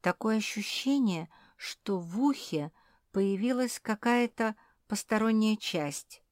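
A woman voicing a calm, easygoing female pug in a storybook, with a mild, measured delivery. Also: medium pitch, no room sound, studio quality, pitched above the performer's own voice, close to an everyday voice. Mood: puzzled.

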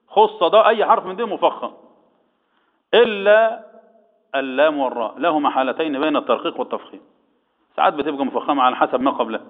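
A man with an Egyptian accent teaching Quran recitation rules, quizzing his students and answering his own questions. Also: on the high side. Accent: Egyptian Arabic. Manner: asks the class questions and answers them himself. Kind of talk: tajweed lesson, quizzing students. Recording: echoey, tinny phone-like sound.

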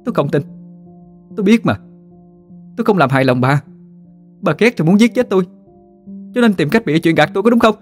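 A shrill, spiteful young woman, put on by a man in an audiobook ghost story. The voice is pushed high and sharp, and she speaks. Faint music plays under the reading. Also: expressive, very fast, few pauses. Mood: indignant. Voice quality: raised, sharp pitch.

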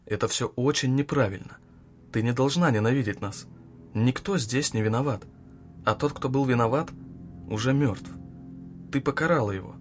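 A man voicing a calm older man who speaks loudly and earnestly to reason with a girl. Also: medium pitch, normal speed, long pauses, soft background music, natural voice. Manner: loud, earnest, steady.

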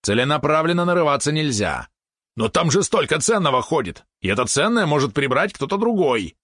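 Man doing an excitable yapping dog spirit. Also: on the high side, fairly quick, breathy edge, no room sound, clean studio sound, voice pushed up, full character voice. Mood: eager. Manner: eager, indignant, pushy. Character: excitable talking dog-like male helper spirit.

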